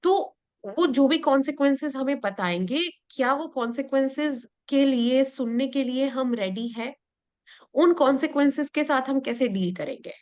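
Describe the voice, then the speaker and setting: A woman's voice: high voice, takes it slowly. A woman with an Indian English accent leading an interactive lesson, explaining step by step and often checking that her listeners follow. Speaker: workshop facilitator.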